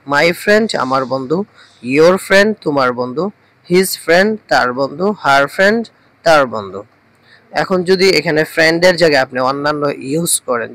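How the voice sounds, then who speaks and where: A man's voice: fairly high pitch, a bit bright, dry recording, rough recording. A man teaching English vocabulary, drilling words one at a time and having students repeat after him. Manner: drills words with repetition, switching between English and Bengali.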